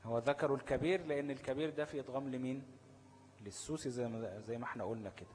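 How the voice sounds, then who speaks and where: Fast-talking Egyptian man teaching. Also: medium pitch, darkish tone, slight background noise. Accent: Egyptian Arabic. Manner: quizzes listeners with fill-in questions and checks understanding. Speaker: Quran recitation teacher. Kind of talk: explanatory lesson.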